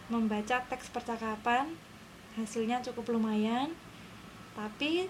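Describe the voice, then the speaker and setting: A woman's voice: fairly high pitch, a little hiss or hum, poor audio. A woman teaching a lesson to her class, explaining patiently and often checking that her students are following.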